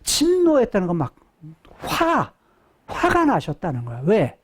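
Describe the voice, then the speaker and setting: Woman pastor, husky voice, lively swooping pitch, asks and answers her own questions, whispers for emphasis. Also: a little slow. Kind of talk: sermon.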